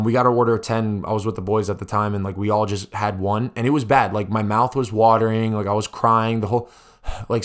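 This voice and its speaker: A young adult man speaks as a podcast host in a medium-pitched voice. He recounts things in a casual, exaggerated way and swears often, as if talking to friends. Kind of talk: casual storytelling to listeners.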